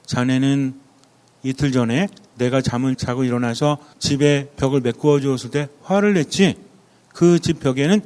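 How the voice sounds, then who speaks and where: A man voicing a wise, calm old male angel who explains patiently. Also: on the high side, long reverb tail, lightly acted.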